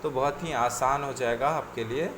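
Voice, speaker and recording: A man's voice: medium pitch, moderate pace, background noise. A man teaching a coaching class, reciting word forms in patient lists and mixing English words into his explanations.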